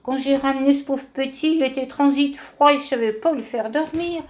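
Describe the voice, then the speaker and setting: A woman's voice: sits high, steady tone, a little fast, voice pushed up, lightly acted. A woman voicing a kind, protective dog in a children's storybook, talking in a soothing, pleading way. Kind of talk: storybook character voice.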